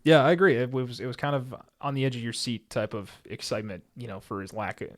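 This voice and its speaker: A man talking quickly on a sports podcast, loose and conversational. He rambles, circles back and repeats phrases while making his case, at a medium pitch. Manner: rambling, repeats himself when worked up. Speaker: podcast co-host. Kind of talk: casual sports chat.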